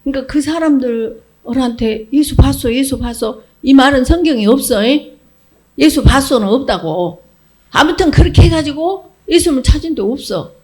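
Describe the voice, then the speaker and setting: Woman pastor telling a bible story to kids, high pitched, super animated, keeps asking them questions. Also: normal speed. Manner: animated storytelling, acts out characters, asks children questions. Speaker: children's pastor. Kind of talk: children's sermon.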